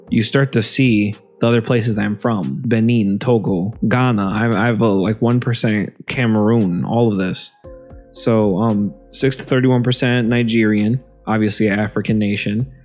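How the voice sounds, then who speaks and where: A young man vlogging casually from a small room at home, talking into a desk microphone in front of a green screen, chatty and relaxed, often repeating himself and saying um. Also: medium pitch. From Ohio, USA. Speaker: YouTube vlogger. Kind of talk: casual vlog talk. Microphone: desk microphone near the face.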